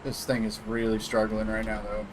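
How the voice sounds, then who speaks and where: A man's voice: fairly low pitch, completely flat delivery, moderate pace. A man talking casually as a teammate during a sim race. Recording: loud vehicle noise behind. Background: vehicle noise.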